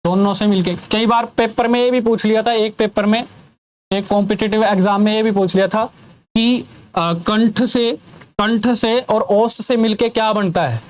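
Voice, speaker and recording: A man with a high voice and fairly even intonation speaks at normal speed while teaching a classroom grammar lesson. He drills the class with sounds repeated over and over, uses call-and-response questions, and drops teasing, jokey asides.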